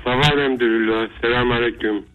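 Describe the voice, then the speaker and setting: A man with a Turkish accent calling in to a radio show, speaking in halting, simple phrases. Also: medium pitch, fairly even intonation, narrow, tinny audio, faint music behind. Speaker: caller. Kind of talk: phone-in caller telling his story.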